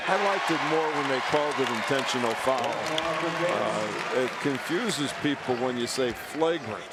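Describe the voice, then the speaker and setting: A man's voice: medium pitch, lively intonation, unhurried. A man working as color commentator on a live basketball game, explaining plays and rulings in conversational, folksy asides. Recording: noisy arena broadcast with loud crowd. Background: loud crowd, bouncing basketballs.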